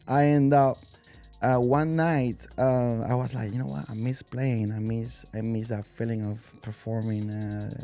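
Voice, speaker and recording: A man's voice: mid-range voice, warm tone. A man, a guest telling his story in a loose, rambling way full of fillers and restarts. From Spain. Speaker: guest, DJ and violinist. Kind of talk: casual interview chat.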